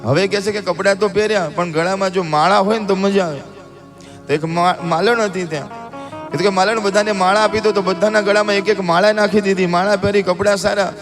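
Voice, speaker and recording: Male religious storyteller, high voice, theatrical, devotional sermon, music playing behind. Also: brisk. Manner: lively, theatrical, addresses the audience. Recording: live talk with music behind.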